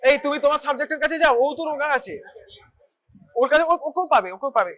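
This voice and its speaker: A clinical teacher giving a hands-on bedside demonstration, briskly instructing students step by step as they practise an examination. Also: high-pitched, expressive, a bit bright. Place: hospital teaching ward.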